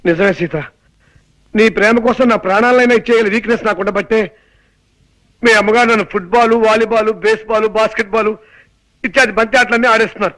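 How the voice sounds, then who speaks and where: A harried young suitor talks in a very high, bright voice. He is wry and exasperated, and he raises his voice to be heard. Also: steady tone, fast, pauses often, poor audio. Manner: wry, exasperated, loud when explaining. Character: harried young suitor shouting at a deaf in-law. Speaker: suitor in a film comedy.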